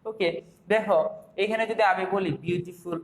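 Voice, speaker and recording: High-voiced Bangladeshi teacher in echoey room. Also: male voice, a little fast. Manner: explains step by step with rhetorical questions. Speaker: English teacher. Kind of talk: online classroom lesson.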